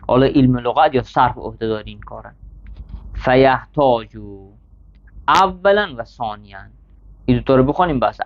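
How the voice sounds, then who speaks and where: A man teaching a classroom lesson, reading Arabic text line by line, explaining it and checking with his students. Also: mid-range voice. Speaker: seminary teacher. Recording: dull lo-fi sound.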